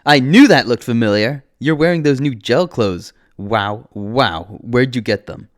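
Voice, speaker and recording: A man voicing a cheerful, clueless, playful young woman who talks in a bubbly, excitable way. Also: lowish voice, normal speed, no room sound, clean studio sound, natural voice. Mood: excited.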